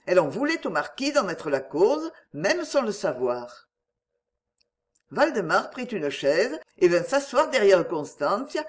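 Expressive woman reading a novel aloud. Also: medium pitch. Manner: expressive, storytelling. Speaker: audiobook reader. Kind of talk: scripted narration of a novel.

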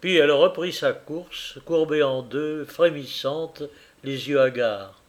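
A man reading a classic novel aloud as narrator, dramatically, slowing down at moments of suspense. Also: fairly high pitch.

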